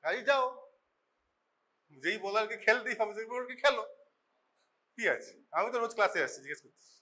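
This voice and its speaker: Bengali guy teaching a college class, high bright voice, chatty and a bit scolding, mixes in english. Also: expressive, a little fast. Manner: chatty, scolding, switches into English mid-sentence. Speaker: forensic medicine lecturer.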